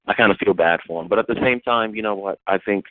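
A man's voice: on the low side, fast talker, dry recording. A man from Houston calling in to a radio show over the phone, sighing and rambling as he laments his team. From Houston, Texas. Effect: call-in phone line. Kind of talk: casual call-in talk. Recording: tinny phone line.

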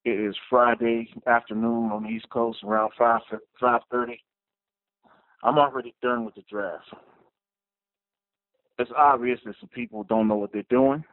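Brief: male radio show caller from Maryland on a phone line, mid-pitched, bone-dry, blunt and fed up. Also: no room sound. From Maryland, USA. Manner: blunt, frustrated rant.

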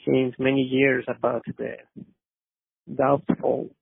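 Gravelly, raspy man on the phone. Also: medium pitch, level tone, slow, dry recording. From Mexico City, Mexico. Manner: hesitant, polite, many "uh" fillers. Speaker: caller. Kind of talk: call-in sports talk. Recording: dry phone line.

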